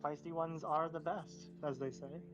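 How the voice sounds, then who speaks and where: A tabletop role-play player who plays a druid and chats in a relaxed, playful way, laughing often. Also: medium pitch, moderate pace, lo-fi sound, soft background music.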